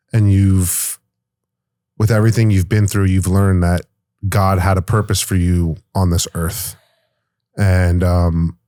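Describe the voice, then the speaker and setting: A man hosting a podcast interview in a relaxed, casual way, using slang. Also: on the low side, no echo, studio quality. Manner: laid-back, says "bro" and "like". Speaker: podcast host.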